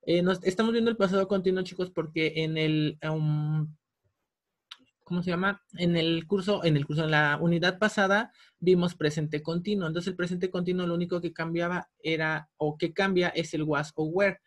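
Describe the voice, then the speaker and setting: A man teaching English grammar in a recorded lesson, explaining patiently step by step and slowing down for the English examples. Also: a little high, steady tone.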